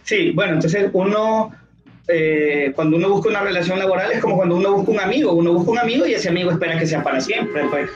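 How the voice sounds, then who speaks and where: A man's voice: sits high, fast, over a noisy crowd. A man chatting casually on a podcast, explaining with analogies and acting out little scenes. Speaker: co-host. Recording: roomy, dull lo-fi sound with faint music.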